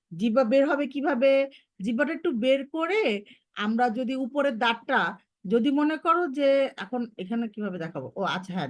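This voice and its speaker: A woman's voice: on the high side, dry recording, clean studio sound. A woman with a Bangladeshi Bengali accent teaching Arabic letter sounds to children in an online lesson, patiently modeling each sound.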